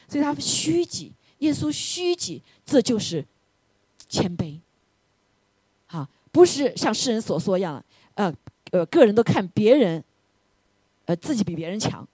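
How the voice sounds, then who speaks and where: A woman preaching a sermon to her congregation with a husky, slightly breathy voice. Her pitch swings widely as she presses her listeners with repeated questions, and she sometimes sinks to a soft near-whisper for emphasis. The sound is dry and close. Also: no echo. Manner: animated, keeps asking the congregation "right?".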